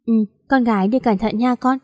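A woman's voice: on the high side, brisk, darkish tone, dry recording, studio quality, natural voice. A woman voicing a loving, emotional village mother in a read-aloud story.

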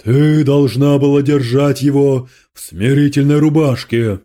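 A man's voice: medium pitch, lively intonation, slow, mellow. A man reading aloud, voicing a spiteful male demon lord who hisses and gloats with scorn. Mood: menacing.

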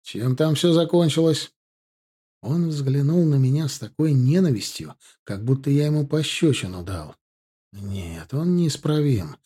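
A man narrating a story as an audiobook reader, measured and even. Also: mid-range voice, husky. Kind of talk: scripted narration.

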